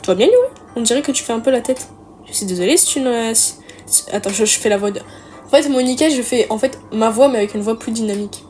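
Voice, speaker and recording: Woman doing an upbeat club president girl, high and peppy, music in the back. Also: animated, fast, lightly acted. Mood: cheery. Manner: bright and upbeat. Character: lively, confident teen girl club president. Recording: music playing underneath. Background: game music.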